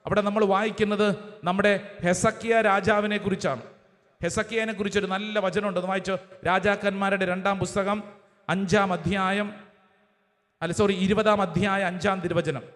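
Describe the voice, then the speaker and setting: A priest with a high-set voice delivers a sermon, calling out verses one phrase at a time for the listeners to repeat. His words ring out with a long reverb, as if spoken in a large church hall. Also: little pitch movement, moderate pace, fairly bright tone. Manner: cites verses with English chapter numbers. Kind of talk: sermon with call-and-response.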